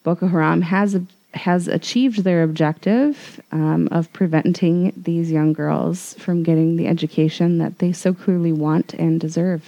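Mellow, lowish-voiced woman co-host. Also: fairly even intonation, measured pace, gravelly, few pauses, lo-fi sound, slight background noise. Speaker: podcast co-host. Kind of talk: news segment told conversationally.

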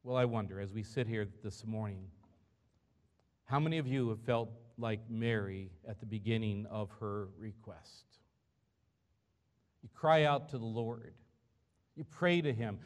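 Man preaching an earnest sermon. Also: medium pitch. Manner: earnest, conversational preaching with rhetorical questions. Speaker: pastor.

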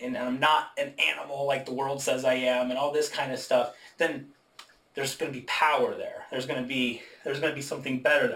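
A man's voice: medium pitch, fairly bright tone. Male co-host, casual faith talk, earnest and repetitive, echoey distant recording. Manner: earnest, repeats words as he gathers thoughts. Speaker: podcast co-host. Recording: echoey room, mic at a distance.

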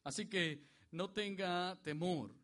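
A man preaching a sermon with a somewhat high voice. He speaks in a preacher's cadence and calls on the congregation to repeat words. His voice climbs in pitch and volume when he reads scripture aloud. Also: slow pace, a bit bright. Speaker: pastor.

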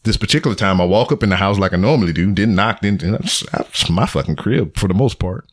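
A middle-aged man on a podcast, telling a story in casual chat, profane and animated, acting out what people said. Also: sits low, a little fast, dry recording, clean studio sound. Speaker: podcast co-host. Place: home podcast studio.

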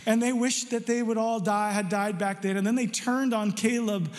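High-voiced preaching man, echoing hall. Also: fairly even intonation, moderate pace. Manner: emphatic preaching with rhetorical questions. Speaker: pastor. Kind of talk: sermon.

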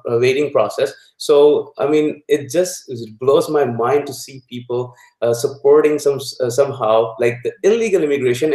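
A man from Pakistan, a guest in a political interview, speaking haltingly with many fillers and growing indignant. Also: mid-range voice, darkish tone, roomy sound, poor audio.

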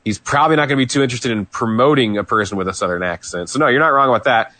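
A man co-hosting a podcast, talking about old wrestling in a relaxed, knowledgeable way. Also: medium pitch, very fast, no echo. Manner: relaxed, knowledgeable, easygoing with fillers. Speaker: podcast co-host.

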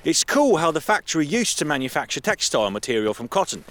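A man's voice: on the high side, fast talker, pitched above the performer's own voice. A man putting on an eager young artist. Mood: excited. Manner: animated, playful teasing. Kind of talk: audio drama acting.

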